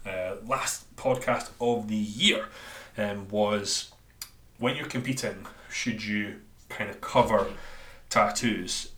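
Here the Dundee-accented Scotsman sounds fairly low-pitched, bright, and forceful. Hosting his solo coaching podcast, he rambles casually and makes fun of himself, with echo from a roomy space.

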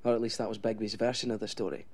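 A man's voice: fairly low pitch, level tone, racing. An actor playing a cynical young Scottish man who narrates a film in voice-over with dry, sardonic wit. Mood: wry. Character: wry, cynical young narrator among his mates. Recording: clear background noise.

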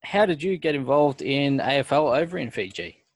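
A man's voice: mid-range voice, animated, moderate pace, no room sound. An Australian man hosting a casual club podcast, laid-back and calling people mate. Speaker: podcast host.

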